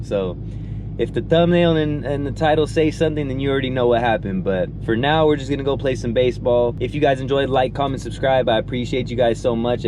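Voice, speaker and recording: A young man chatting casually to his viewers in a slangy, laid-back way, from his car and outdoors at a ballfield. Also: medium pitch. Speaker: car vlogger. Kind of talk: casual vlog chat. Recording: loud road and outdoor noise.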